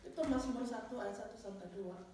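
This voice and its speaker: A woman's voice: mid-range voice, brisk. Woman telling a story in an echoey room. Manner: animated storytelling, switching into English phrases. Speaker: church member giving a testimony. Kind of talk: personal testimony at a Bible study. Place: large echoey room at a church Bible study. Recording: echoey room, distant mic, faint noise.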